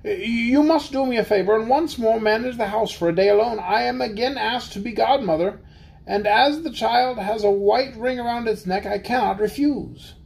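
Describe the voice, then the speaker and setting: A woman's voice: fairly high pitch, normal speed, vocal fry, darkish tone, poor audio. A woman voicing a greedy, sly female cat who speaks coolly and offhandedly. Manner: cool and offhand.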